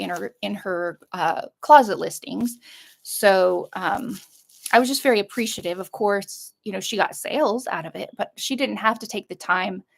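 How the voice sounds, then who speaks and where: A middle-aged woman with a creaky voice, chatting casually through an unboxing in a rambling, hesitant way. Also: medium pitch, a bit bright. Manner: rambling, hesitant, trailing off and circling back. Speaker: vlogger showing a shopping haul.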